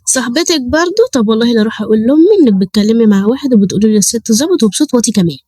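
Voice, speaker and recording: A woman's voice: a little high, animated, very fast, warm tone, slightly rough, no room sound, clean studio sound. A woman voicing a cheeky, teasing younger brother with an Egyptian accent. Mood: mocking. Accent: Egyptian Arabic. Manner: mocking, cheeky.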